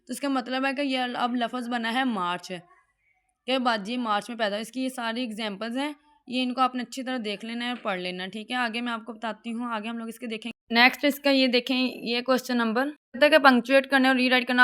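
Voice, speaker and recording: A woman teaching an online class, explaining step by step and reading English sentences slowly before translating them. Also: a little high, a bit bright, smooth.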